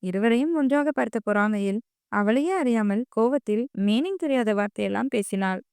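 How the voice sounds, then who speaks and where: A woman narrating an audio novel in a steady storytelling manner. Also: fairly high pitch, moderate pace, smooth, dry recording, studio quality. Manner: steady storytelling, voicing every character.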